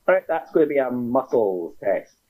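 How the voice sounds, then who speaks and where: A man narrates as game master, dryly amused and in no hurry. His voice is slightly husky. The recording is dull and lo-fi. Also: medium pitch, big pitch swings, moderate pace. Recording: dull lo-fi sound.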